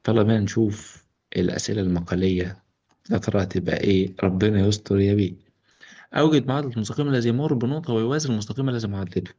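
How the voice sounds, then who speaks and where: Fast-talking Egyptian math teacher. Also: male voice, on the low side, slightly rough, highs cut off. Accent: Egyptian Arabic. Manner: lively, joking asides to students. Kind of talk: exam solution walkthrough.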